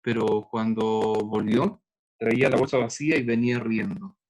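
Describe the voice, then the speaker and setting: A man's voice: lowish voice, steady tone, moderate pace, creaky, a little mellow. A middle-aged man gives a university lecture in a conversational way, working through examples with frequent hesitations. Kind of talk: recorded lecture on neuropsychology.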